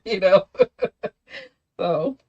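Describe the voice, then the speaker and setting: A woman's voice: medium pitch, expressive, very slow, darkish tone, slightly rough, muffled recording. A woman hosting a craft tutorial, chatting casually with viewers by name and laughing often. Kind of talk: casual livestream crafting chat.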